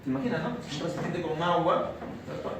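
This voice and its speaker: A male physiology lecturer with a Peruvian accent, teaching a class and constantly checking in with his students with "right?" and "are we clear?". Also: on the high side, expressive, brisk. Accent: Peruvian Spanish. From Peru. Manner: checks in constantly with "¿cierto?" and "¿estamos?". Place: large echoey classroom. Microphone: distant camera mic. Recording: echoey, far from the mic, noisy room.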